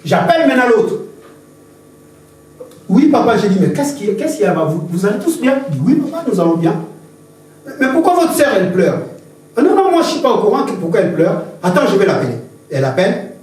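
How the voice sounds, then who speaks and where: A man's voice: sits high, sing-song, a little fast, long pauses, darkish tone. A man preaching a sermon as pastor, impassioned and repetitive, telling stories to the congregation. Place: church hall. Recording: very echoey church hall, distant mic.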